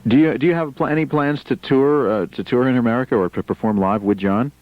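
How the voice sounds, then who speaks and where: Speaking fast in a medium-pitched voice with no echo, this male radio host chats with callers live on air by phone. He's friendly but stammers as he asks his questions. The studio broadcast comes through with a dull sound.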